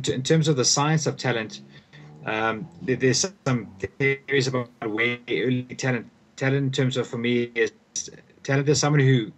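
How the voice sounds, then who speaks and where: On a rough recording with a little hiss or hum, a young South African man talks in a medium-pitched, slightly bright voice. He is a guest author and performance coach who answers thoughtfully and conversationally, often repeating words as he begins sentences again.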